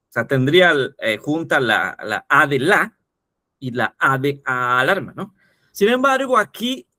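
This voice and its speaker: A man's voice: on the high side, bright, forceful tone, no room sound, studio quality. A man teaching a lesson, explaining step by step and often checking in with the listener. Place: teaching video.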